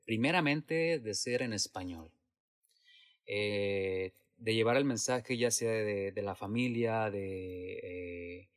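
A man with a somewhat low voice talks about his theater work in a casual interview. He is reflective and hesitant, restarting sentences and filling pauses as he thinks. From Latin America. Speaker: theater actor and producer.

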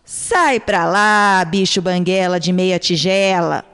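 A woman's voice: fairly low pitch, slow, a bit bright, smooth. A woman voicing a proud, boastful jaguar in a storybook tale, taunting and jeering. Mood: scornful. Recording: long hall reverb.

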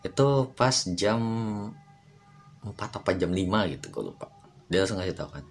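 Young man, low rambling voice. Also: big pitch swings, normal speed. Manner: rambling, many fillers, slangy. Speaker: podcast host. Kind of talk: casual storytelling monologue.

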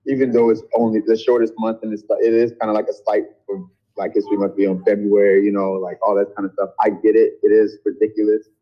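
A man's voice: on the low side, flat delivery, fast, soft background music. A man joining a casual group discussion over a poor, unclear online call, talking hesitantly with many fillers and restarts. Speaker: discussion participant. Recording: muffled lo-fi call audio.

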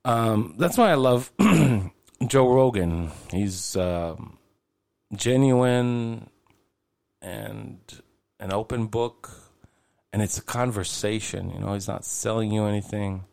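A man in his late forties talks straight to his listeners on a solo podcast, rambling and swearing as it comes. His voice sits very low and has a gravelly fry, and it is recorded close and dry. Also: slow pace, darkish tone, no echo. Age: 40s. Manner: rambling, conversational, swears casually. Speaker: podcast host. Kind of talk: casual solo podcast monologue.

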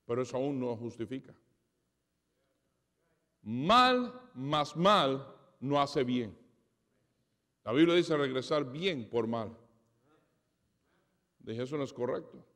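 A pastor preaching a sermon, dramatic, acting out conversations and swinging between loud and soft. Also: male voice, mid-range voice, expressive, slow, long pauses. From Spanish heritage. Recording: reverberant hall.

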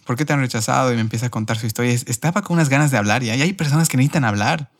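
A young man on a podcast, telling a personal story in an emotional, animated way. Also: mid-range voice, very fast. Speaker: podcast host.

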